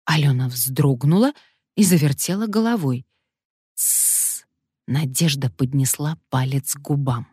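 A woman narrating an audiobook story in an even, measured way. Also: low voice, slightly rough, no echo, clean studio sound.

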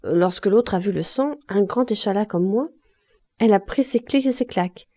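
A woman's voice: mid-range voice, normal speed, dark tone, lightly acted. A woman reading aloud and voicing a weary, reckless young laundress who talks in a brash, cynical way. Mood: bitter, brash. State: hoarse cough.

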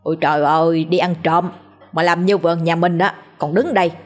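A bossy old male thief, crude and gruff, barks orders in a husky, low voice, as a woman narrator puts him on. Soft music murmurs behind the storybook reading. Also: moderate pace, lightly acted. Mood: scolding. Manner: gruff scolding.

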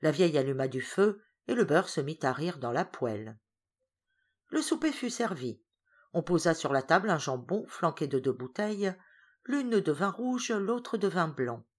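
Low-voiced woman reading a story aloud. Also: moderate pace. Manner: expressive, varied storytelling. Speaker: audiobook reader. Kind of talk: literary audiobook narration.

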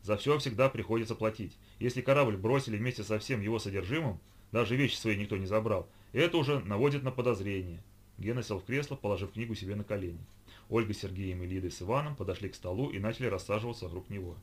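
Low-voiced male audiobook narrator. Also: quick pace. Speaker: audiobook reader. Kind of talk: scripted narration.

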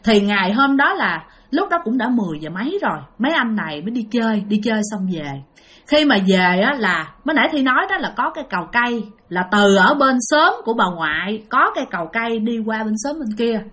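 Her voice sits on the high side and has a slight brightness. She's a woman recounting a ghost story in a casual, chatty manner, speaking straight to the people listening.

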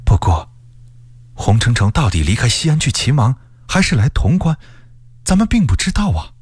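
Man voicing a sharp-minded middle-aged wife, quiet, probing, dry sound. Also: mid-range voice, sing-song, moderate pace, slightly rough, no room sound. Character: shrewd middle-aged woman, rebel leader's wife.

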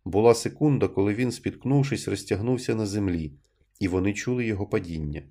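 Low-voiced man narrating a story. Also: brisk, dark tone.

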